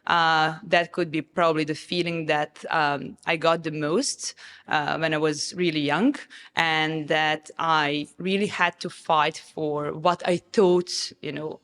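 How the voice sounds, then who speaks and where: Low-voiced Serbian woman, calm and thoughtful. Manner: calm, thoughtful, with many pauses and ums. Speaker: guest, restaurant founder. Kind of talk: reflective interview conversation. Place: restaurant bistro. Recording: roomy reverb in a bistro.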